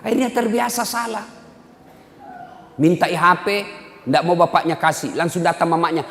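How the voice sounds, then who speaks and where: A middle-aged man giving a lively sermon, acting out parents and children and sometimes shouting. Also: high voice, normal speed. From Indonesia. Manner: animated, acts out parents and children, shouts at times. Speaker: preacher. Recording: echoey hall with long reverb.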